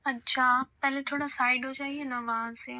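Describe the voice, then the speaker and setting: A woman's voice: sits high, little pitch movement, moderate pace, bright, forceful tone, no echo. A woman's voice run through a voice changer, coaxing and flirty on a prank phone call. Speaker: prank caller.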